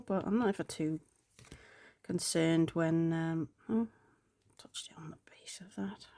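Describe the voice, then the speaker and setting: This planner vlogger's voice sits low, creaky and darkish, with no room sound. She rambles casually as she plans, stuffy and sore-throated, now and then murmuring under her breath.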